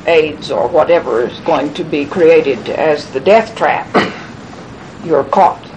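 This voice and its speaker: Speaking slowly in a darkish tone, a woman rambles through a conspiratorial talk at a gathering, answering questions emphatically while repeating phrases and starting sentences over. The audio is poor and a low rumble sits underneath.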